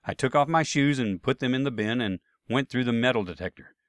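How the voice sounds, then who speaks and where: A man recounts his travel mishaps with dry, self-deprecating humor, at an ordinary pitch for a man. He speaks close to the mic in a dead, dry room with no echo. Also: a little fast. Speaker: storyteller. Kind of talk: first-person anecdote narration.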